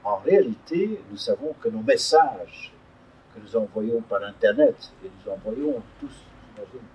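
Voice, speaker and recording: An older man from Hungary gives a public talk at an evening debate, his pitch rising and falling in a lively way. He talks hesitantly, with plenty of fillers and restarts. He is picked up by a distant mic in a meeting room, with a faint hum behind him. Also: measured pace, dull audio. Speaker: invited speaker. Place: meeting room around a table, above a restaurant.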